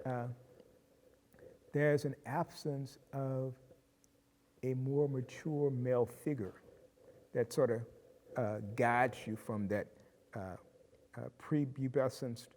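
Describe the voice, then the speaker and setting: Man, mellow and measured, explanatory panel voice, slight hall echo with faint hiss. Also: medium pitch, steady tone. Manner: measured, explanatory, frequent "uh" pauses. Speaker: discussion panelist. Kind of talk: reflective group discussion.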